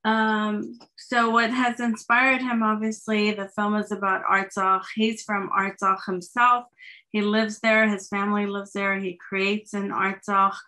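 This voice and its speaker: A woman with a bright, crisp tone speaks on a video call from her home. Her delivery stays flat and even. She pauses with um fillers as she interprets for a director and answers questions. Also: medium pitch. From Armenian diaspora, living in Los Angeles. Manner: relaxed, with um fillers. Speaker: producer and interpreter. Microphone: webcam on a video call.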